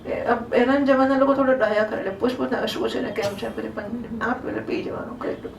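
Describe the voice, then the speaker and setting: A woman, a religious storyteller, gives a devotional scripture discourse conversationally, often putting questions to the audience. Her high-leaning voice is steady, brisk and gravelly, with a little hiss or hum, captured by a distant mic in a roomy hall with faint ambience.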